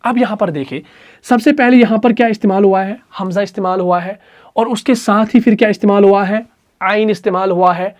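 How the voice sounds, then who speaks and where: A man with an Urdu accent teaching Quran recitation rules, patiently repeating letters and sounds slowly. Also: sits high, fairly even intonation, a little mellow. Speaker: tajweed teacher.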